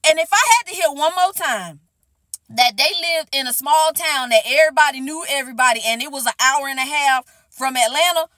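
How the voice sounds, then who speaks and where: A woman vlogger giving an unscripted, casual movie review rant, animated and exasperated, with heavy slang, talking straight to her viewers. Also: sits high, fairly quick, no echo.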